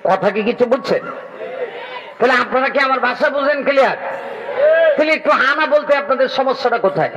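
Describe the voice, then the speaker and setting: High-voiced preacher with a big echoing hall sound. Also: male voice, a little fast, pauses often, lo-fi sound. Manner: jokes with the crowd, quizzing and cajoling listeners, rising into sing-song chanting. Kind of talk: Bengali waz sermon. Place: large outdoor religious gathering.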